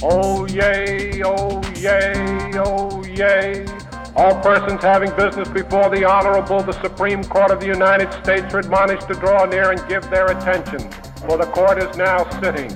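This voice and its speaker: A man's voice: high-pitched, monotone, a little slow, poor audio. A man making a formal, declaimed court proclamation, calling out ceremonially in the manner of a town crier. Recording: music laid over the proclamation. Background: music.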